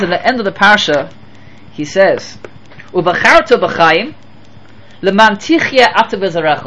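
A man giving a Torah lecture as a rabbi. He mixes Hebrew and Yiddish terms into his English and swings between emphatic and hushed delivery. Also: high voice, dull audio, a little hiss or hum.

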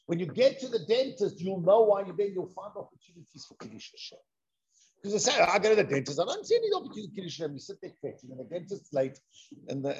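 In a husky, slightly high voice, a man teaches an informal Torah discussion with excitable energy, repeating himself and using Hebrew and Yiddish terms. The lo-fi recording sounds dull.

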